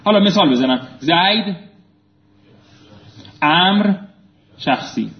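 Animated male teacher in an echoey classroom. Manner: animated, quizzing students, swinging between loud prompts and low asides. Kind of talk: classroom lecture with call-and-response drilling. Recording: echoey room, muffled lo-fi sound.

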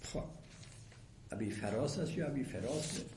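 A man giving a classroom lecture on Arabic rhetoric, reciting verses slowly and then explaining them plainly. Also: medium pitch, animated. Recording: echoey room with faint ambient noise.

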